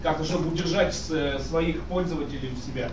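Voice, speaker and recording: Мужчина из публики непринуждённо задаёт вопросы на живой встрече. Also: male voice, fairly high pitch, fast talker, noisy background. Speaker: audience member asking questions. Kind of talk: casual questions from the floor. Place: echoey indoor hall at a live event. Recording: echoey hall, distant muffled mic, crowd chatter.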